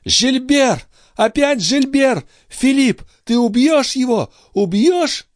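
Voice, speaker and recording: A man reads a young noblewoman in a trance, pitched high above his own voice and swooping widely, breathless and pleading as she cries out. Dry, close audiobook sound. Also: sing-song, slow pace, no echo, exaggerated voice. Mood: frantic. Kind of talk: audiobook reading.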